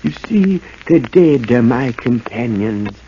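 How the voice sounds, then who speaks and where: An actor playing a crazed, gloating old villain with theatrical, cackling delivery in a 1950s radio drama. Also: male voice, medium pitch, expressive, slow, mellow, lo-fi sound. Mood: grandiose. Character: crazed old male mask-maker villain, gloating and deluded. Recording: noisy band-limited 1950s radio recording.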